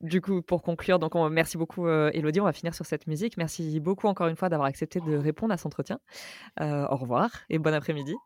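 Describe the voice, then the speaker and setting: A woman interviewing in a conversational way, with hesitant, halting phrasing. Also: low-pitched, steady tone, darkish tone, no echo, studio quality.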